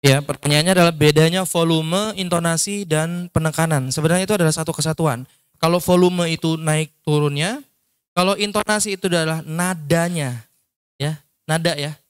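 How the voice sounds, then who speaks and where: A man's voice: on the high side, moderate pace, smooth, no echo, studio quality. A man teaching public speaking to a group in a casual workshop lecture, explaining points and demonstrating tones with his voice. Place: training session at an Islamic school.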